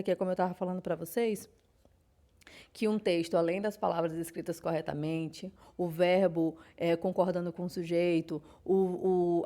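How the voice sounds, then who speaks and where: A woman's voice: on the low side, dark tone. A woman with a Brazilian Portuguese accent teaching a class, explaining patiently with frequent fillers and restarts. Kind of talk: online class lecture.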